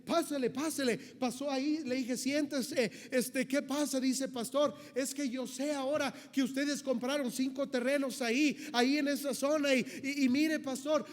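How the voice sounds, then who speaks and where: A man's voice: very high voice, big-room sound. A man preaching a sermon as a missionary pastor, telling stories and calling the congregation brothers. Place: church.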